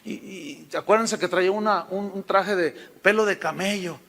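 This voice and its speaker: A man's voice: sits high, normal speed, creaky, a bit bright, long reverb tail. A man with a Mexican Spanish accent preaching a sermon, telling folksy stories and calling listeners "hermano". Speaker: pastor.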